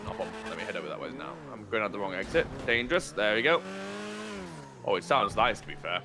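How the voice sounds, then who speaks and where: A man's voice: lowish voice, animated, background noise. A man, chatting politely in character during a roleplay game session. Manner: brisk, chatty, polite, calls people sir. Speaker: roleplay player as lawyer.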